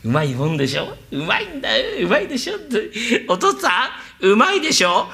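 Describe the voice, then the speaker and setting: A man's voice: huge pitch swings, fast, creaky, bright, forceful tone, heavily acted. A man doing a boastful Edo chatterbox. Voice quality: fawning and boastful, swings in pitch. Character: chatty, boastful male hanger-on who mimics voices. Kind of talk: rakugo storytelling.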